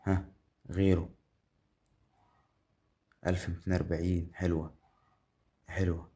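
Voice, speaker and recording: A man with an Egyptian accent runs live gameplay commentary in a low, dark voice. He is chatty, counts his winnings out loud and keeps talking straight to the viewer. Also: level tone, a little slow. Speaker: gambling game streamer.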